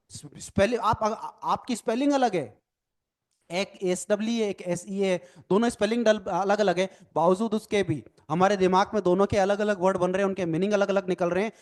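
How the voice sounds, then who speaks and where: A man teaching a recorded lecture as an NLP trainer, explaining step by step, spelling words out letter by letter and often adding "ठीक है ना" as a check. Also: sits high. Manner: explanatory, repeats "ठीक है ना" tag questions; mixes English phrases into Hindi.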